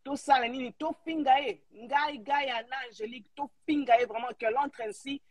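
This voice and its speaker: Indignant Congolese woman, high voice, heated live-stream rant. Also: a little fast, no echo. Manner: emphatic, indignant, switches into Lingala.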